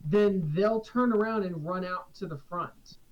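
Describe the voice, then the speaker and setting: A man's voice: high voice, unhurried. A man playing a tabletop game and talking casually about his plans. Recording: dull lo-fi sound.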